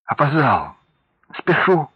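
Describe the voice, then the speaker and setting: A man's voice: on the high side, huge pitch swings, slightly rough, dry recording, pitched above the performer's own voice, heavily acted. A man voicing a meek, guilty husband. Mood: hurried. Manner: hurried, then meek and apologetic. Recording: dull lo-fi audiobook recording.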